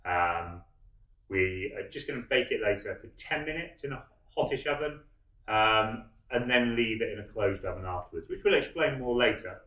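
Chef explaining a recipe in an echoey hall. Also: male voice, on the low side, moderate pace. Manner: relaxed, explanatory, many ums. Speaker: head chef. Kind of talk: cooking demonstration. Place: large wood-panelled college hall, indoors.

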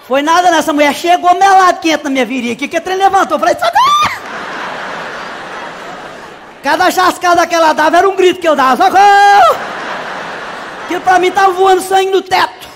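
A man's voice: extremely high pitch, very fast, a bit bright, big-room sound, a faint crowd, a little hiss or hum. A male comedian on a live stage playing a brash, dramatic middle-aged woman, telling a story in a gossipy way with shrieks. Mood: shrieking. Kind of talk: live stand-up character monologue.

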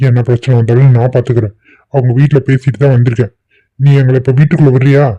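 A man's voice: medium pitch, steady tone, fast talker, dark tone, dry recording, muffled recording, lightly acted. A man in his twenties voicing a defiant young husband arguing with his mother in a cartoon. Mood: insistent. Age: 20s. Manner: defiant, insistent. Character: defiant young husband, 25, hot-headed son. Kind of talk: cartoon voice acting.

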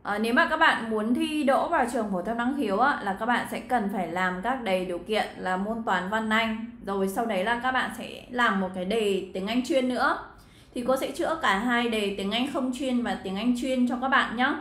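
A woman's voice: a little high, normal speed, fairly bright tone, reverberant. A woman from Vietnam, an English teacher, chatting her way through an exam walkthrough and talking straight to her students. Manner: chatty, addresses students directly, frequent fillers.

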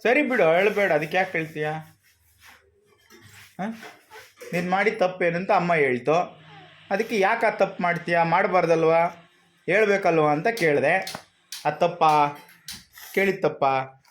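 Father gently coaxing with questions. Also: high-pitched, unhurried, pauses often, slight background noise. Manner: coaxing, gently scolding, keeps asking questions. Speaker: father, vlogger. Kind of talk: casual family chat.

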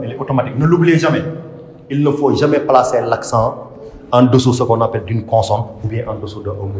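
A male literature teacher from Senegal, lecturing on poetry in a didactic way, often repeating himself and asking and answering his own questions. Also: mid-range voice. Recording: echoey room with long reverb.

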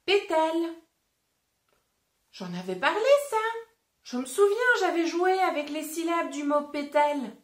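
A woman reading a picture book aloud to a young child, patiently pausing to ask questions. Her voice is high and very animated, and she takes her time. A roomy echo surrounds her. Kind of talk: interactive read-aloud.

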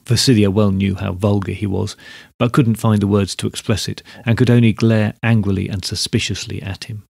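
A man narrates a classic story in a steady, measured reading. His voice is gravelly and husky, at a middle pitch. The recording is close and dry. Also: dry recording. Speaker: podcast host reading a story.

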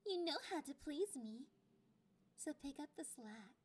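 Smug and commanding, a high, animated female voice plays a possessive, clingy catgirl girlfriend for ASMR roleplay. The delivery is drawn-out, teasing and condescending.

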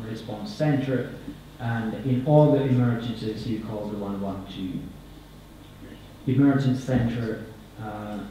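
A man in his thirties with a Finnish accent giving a conference presentation at a podium microphone, halting and repeating words, his phrases trailing off. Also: fairly low pitch, dark tone, a little hiss or hum. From Finland. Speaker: conference speaker. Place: conference hall, indoors. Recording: echoey hall, picked up from far off.

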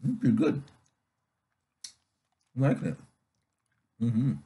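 A man's voice: medium pitch, sing-song, slow pace, dark tone, slightly rough. A father chatting casually through a mouthful of candy, humming and mm-hmming eagerly. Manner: enthusiastic, lots of hums and mm-hmms. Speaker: father doing a taste test with his child. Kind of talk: casual video chat.

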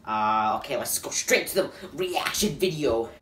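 A man hosting a reaction video, excitable and swearing constantly, breaking into loud yelps of disbelief. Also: mid-range voice, moderate pace. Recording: echoey room.

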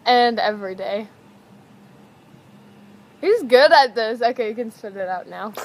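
A woman's voice: a little high, lively intonation, a little slow. A teenage young woman chatting casually as host of a challenge vlog outdoors, with stifled giggles breaking into her talk. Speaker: video host. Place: outdoors on a house patio. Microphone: camera mic at table distance. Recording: noisy outdoor camera recording.

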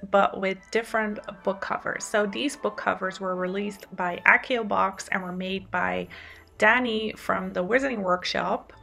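A woman from the Netherlands in her thirties hosts a video, speaking with a Dutch accent as a native Dutch speaker. Her delivery to camera and in voice-over is casual, chatty and enthusiastic, and her medium-pitched voice has vocal fry and a sharp tone.

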